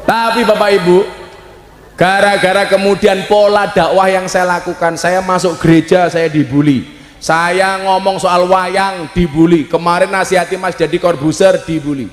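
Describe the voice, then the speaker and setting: Joking Javanese preacher in an echoey hall. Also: male voice, high-pitched, fairly even intonation, normal speed, faint music behind. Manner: joking, bursts into loud emphatic shouts. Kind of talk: humorous live sermon. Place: large hall at a live religious gathering. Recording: echoey hall with long reverb.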